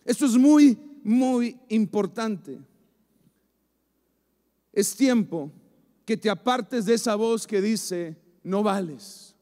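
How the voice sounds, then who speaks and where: A man preaching a sermon to a church congregation, emphatic and repetitive, building phrases up to shouts. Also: high voice, slow, long pauses. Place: church service before a congregation. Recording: long reverb of a large hall.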